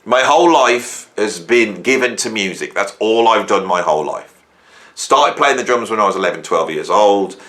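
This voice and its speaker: Here a man in his fifties, host of a YouTube music channel, thinks aloud to camera by himself, drifting and questioning his own points while tagging them with "right?". His lower-pitched voice is expressive and a bit bright, delivered at a normal speed.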